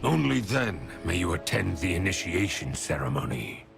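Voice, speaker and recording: Grim undead cultist boss in a video game, super gravelly n low, commanding, slight filter, music behind. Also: male voice, sing-song, normal speed, heavily acted. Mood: stern, ominous. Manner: commanding, ominous. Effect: subtle undead voice filter. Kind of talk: video game character dialogue.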